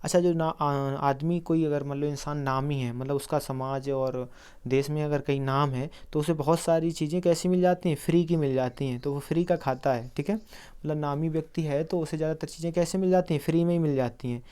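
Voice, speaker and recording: A man's voice: a little high, fairly even intonation, fairly quick, mellow, clear, resonant tone. A man teaching an exam-prep lesson on video, explaining memory tricks and answering his own quiz questions as he addresses viewers as friends. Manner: asks quiz questions and answers them himself.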